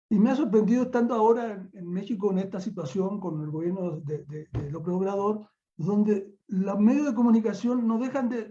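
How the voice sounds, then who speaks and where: A university professor from Chile, older, delivers an off-the-cuff academic lecture as a guest speaker on a remote online conference call. His voice is high and soft-edged, and he drives points home by repeating words and phrases. The audio is dull and lo-fi, typical of an online call.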